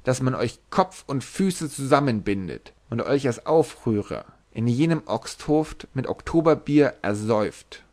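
A man doing a slow, pompous plague president. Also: medium pitch, expressive, a little mellow. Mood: stern. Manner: slow, solemn, pompous decree. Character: pompous grim male plague president, legalistic.

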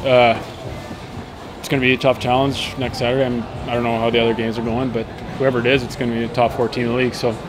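A man's voice: mid-range voice, level tone, quick pace, background noise. A man in his thirties, a hockey player, giving an earnest, upbeat post-match interview outdoors at night into a handheld mic, with frequent fillers. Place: outdoors at night beside an arena.

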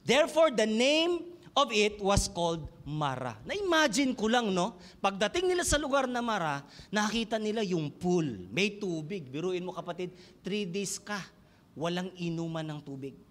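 A man's voice: sits high, big pitch swings, moderate pace, fairly bright tone. A man with a Filipino accent preaching a sermon in church, switching between Tagalog and English and asking the congregation questions. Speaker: pastor.

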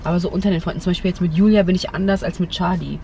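A woman's voice: on the low side, fairly even intonation, rapid-fire, vocal fry, dark tone. A young woman giving casual advice as a vlog host, chatting inside a car. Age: young adult. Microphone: camera on the dashboard. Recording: noisy car interior, outdoor ambience.

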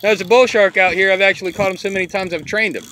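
A man's voice: sits high, steady tone, sharp tone. A man running a fishing charter, joking and laughing as he coaches an angler on his boat out at sea. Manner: joking, laughs often, gives quick instructions. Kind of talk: casual coaching while fishing. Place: outdoors on a small open boat at sea. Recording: wind and boat noise on open water.

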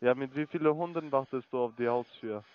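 A man's voice: mid-range voice, fairly quick, smooth, no room sound, highs cut off. A man working a scam call center, talking in broken grammar, staying polite and calling the other man "der Herr" through insults. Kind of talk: phone call.

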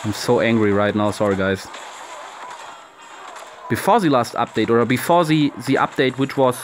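A man's voice: mid-range voice, moderate pace, faint music behind. Man with a German accent swearing over gameplay. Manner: frustrated, swearing, talks to viewers. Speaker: game commentator. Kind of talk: casual gameplay commentary.

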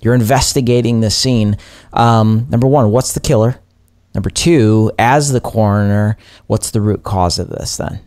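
Low-voiced man hosting a podcast. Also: darkish tone, no room sound, studio quality. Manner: measured, thoughtful questioner with fillers. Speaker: podcast host. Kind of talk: podcast interview.

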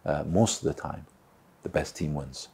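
A man in his forties, a club chairman in a sit-down interview, speaking haltingly with many repeats and fillers. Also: a bass voice, vocal fry, a little mellow, breathy edge. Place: indoor room by a window. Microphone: close mic, seated on camera.

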